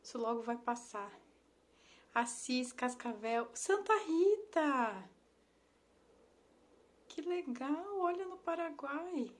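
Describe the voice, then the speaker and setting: Slow high-voiced woman on a live stream. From Brazil. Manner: warm, affectionate, greets viewers by name. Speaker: Instagram live host, ThetaHealing instructor. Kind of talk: casual live stream chat, greeting viewers. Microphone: phone or laptop mic on a live stream.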